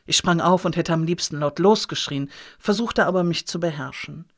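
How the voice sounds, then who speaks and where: A man reads a first-person novel aloud with expressive, dramatic delivery. His voice sits slightly above the typical male range. The narration is steady and story-driven. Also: a little high, normal speed. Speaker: audiobook reader.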